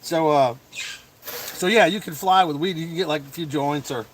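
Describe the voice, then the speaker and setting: A middle-aged man hosting a casual livestream chat as a comedian, rambling with lots of fillers and quick chuckles. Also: fairly high pitch, a little hiss or hum. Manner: chuckling, full of fillers and restarts.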